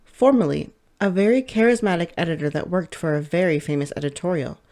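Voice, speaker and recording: A woman reading a first-person light novel audiobook in a steady, measured way. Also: fairly low pitch. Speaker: audiobook narrator.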